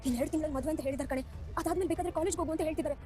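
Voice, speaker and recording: A woman's voice: high voice, racing, warm tone, natural voice. A young actress in a TV serial playing a heartbroken college girl in love, tearful and pleading. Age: young adult. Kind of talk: TV serial acting. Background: background music score.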